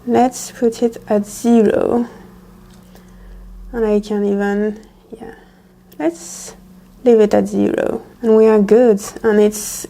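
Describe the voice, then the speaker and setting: A woman with a mellow, gravelly, medium-pitched voice rambles and thinks aloud in a casual, chatty ASMR unboxing and product review as she tests her gear. She's speaking into a close wireless lavalier mic that is itself being tested.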